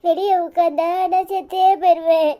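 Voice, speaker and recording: A woman's voice: extremely high pitch, steady tone, fairly quick, warm tone. A woman with a Kanyakumari Tamil accent voicing a distraught young wife who pleads and scolds in a cartoon. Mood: pleading. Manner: pleading, then harsh scolding. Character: distraught young wife, fierce when angered. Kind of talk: cartoon voice acting.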